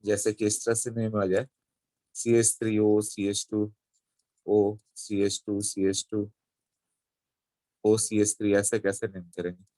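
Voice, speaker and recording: A male chemistry teacher gives a lecture in an unhurried, deliberate way, his voice sitting on the low side. He walks through each step and keeps checking that his students follow. The sound is dry and close, with little room around it. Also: level tone, dark tone, no room sound. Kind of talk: classroom lecture.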